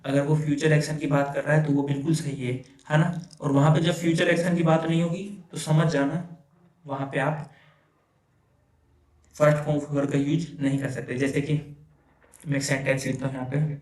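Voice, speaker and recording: Echoey Hindi-speaking teacher. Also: male voice, a little high, level tone, a little fast, a little mellow. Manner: explains by repeating phrases, many rhetorical "है ना" checks. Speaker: English teacher. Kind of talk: classroom grammar lesson. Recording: echoey room, voice from a distance.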